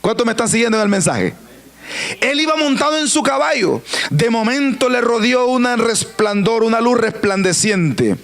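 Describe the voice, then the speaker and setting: A man's voice: very high voice, big pitch swings, normal speed, a bit bright. A man preaching a sermon in a church, dramatic and questioning, acting out the voices he quotes. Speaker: pastor.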